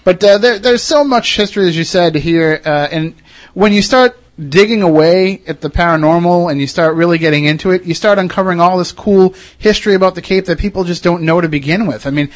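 Brisk and high-voiced, this Massachusetts man, originally from Wareham, hosts a relaxed radio interview with a chatty, eager manner. The audio carries no room sound.

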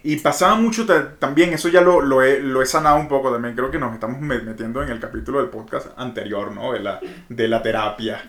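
A Venezuelan man co-hosting a podcast, talking in a reflective, emotional way that often trails off softly. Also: mid-range voice, brisk, hardly any pauses, echoey room. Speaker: podcast co-host. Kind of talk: casual conversation.

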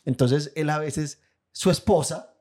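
Young paisa colombian guy on a podcast mic, kinda high voice, laughs his way through stories. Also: unhurried. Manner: animated storyteller, laughs while telling. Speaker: podcast co-host. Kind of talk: casual chat.

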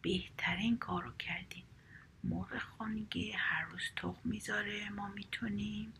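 A woman's voice: medium pitch, fairly even intonation, a little hiss or hum. A woman whispering as a cheerful old wife. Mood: delighted whisper. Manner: warmly delighted. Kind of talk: whispered role-play.

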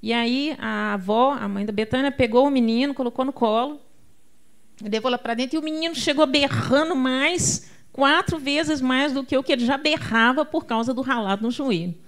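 A woman preacher with a Brazilian Portuguese accent delivers an emphatic sermon, calling out to the congregation and telling homely stories. Her voice sits high, at normal speed.

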